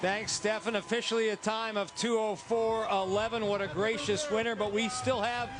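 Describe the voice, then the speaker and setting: High-pitched male sports anchor. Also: little pitch movement, moderate pace. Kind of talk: live race commentary. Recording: broadcast with music behind. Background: clear music.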